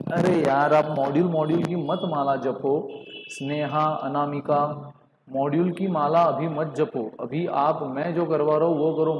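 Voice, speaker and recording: A man with an Indian accent teaches a live online class, his voice sitting a little high for a man. He reads each statement out slowly and calls on students by name. The sound is roomy, with a long reverb tail and a faint hiss of ambience. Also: darkish tone.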